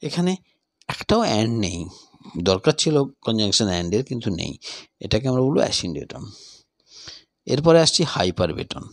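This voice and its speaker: A man teaching literature, explaining in mixed with English terms and reading quoted lines slowly. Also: fairly low pitch, very animated. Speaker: tutor. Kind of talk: recorded English literature lesson.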